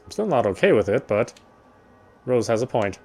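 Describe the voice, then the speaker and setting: A man's voice: mid-range voice, big pitch swings, normal speed, dark tone, slightly rough, soft background music. A man reading visual novel narration aloud, unpolished, with occasional stumbles and self-corrections.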